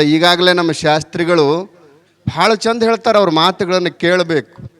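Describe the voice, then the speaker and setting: Man, middle-aged, North Karnataka accent, village sermon, smooth resonant voice, fairly high pitch. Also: a bit bright. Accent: North Karnataka Kannada. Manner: chatty, asks the crowd rhetorical questions. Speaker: religious leader giving a blessing sermon. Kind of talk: village sermon with folksy anecdotes.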